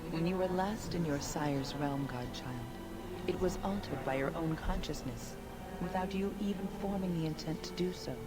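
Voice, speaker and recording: A woman's voice: lowish voice, moderate pace, music in the background, natural voice. A woman voicing an ancient, solemn otherworldly servant of the gods in a fantasy video game, speaking formally and with portentous measure. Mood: solemn, foreboding.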